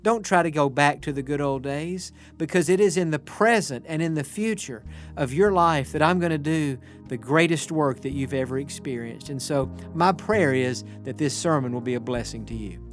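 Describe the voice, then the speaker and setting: A man's voice: a little high, normal speed, faint music behind. A man preaching a sermon as pastor, earnest and repeating phrases for emphasis. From southern United States. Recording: long hall reverb.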